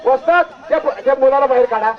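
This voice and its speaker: A man commentating on a wrestling match over a loudspeaker outdoors, commanding the crowd and the referees. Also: extremely high pitch, fast. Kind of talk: live event commentary. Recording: muffled loudspeaker sound outdoors.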